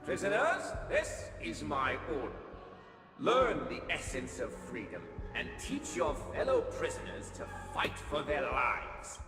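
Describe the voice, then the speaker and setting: An actor playing a commanding game ringleader who proclaims freedom in a theatrical, declamatory way. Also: male voice, a little high, huge pitch swings, a little slow, heavily acted. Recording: echoing hall, clear music behind.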